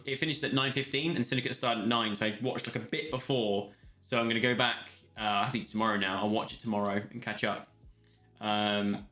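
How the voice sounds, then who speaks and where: A young man chats casually on a live stream, rambling from topic to topic and thanking viewers. His voice is mid-range with a sharp tone, and the sound is roomy with faint music.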